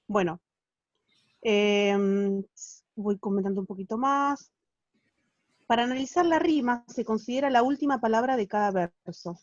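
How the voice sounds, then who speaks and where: A woman teaches over a video call, her voice a little high and her tone patient. She keeps checking in with her students as she explains. The audio is dry and somewhat dull, like a laptop call. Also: no echo. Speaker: literature teacher. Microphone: phone or laptop on a video call.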